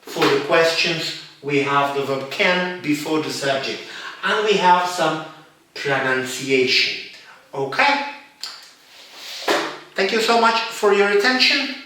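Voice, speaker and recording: A man teaching an English grammar lesson, speaking slowly and deliberately and repeating his examples. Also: a little high, lively intonation, pushed and bright, far from the mic, a little hiss or hum. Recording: very echoey room, off-mic.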